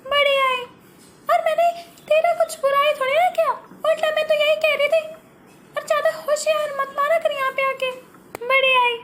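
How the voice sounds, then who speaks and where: A woman's voice: extremely high pitch, steady tone, moderate pace, noisy background. A woman voicing a proud, hot-tempered young sister who scolds and threatens everyone in a homemade comic family sketch. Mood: scolding.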